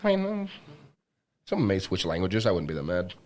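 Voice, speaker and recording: A man co-hosting a casual podcast, teasing his guest with quick, profane jokes. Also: deep voice, huge pitch swings. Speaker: podcast co-host.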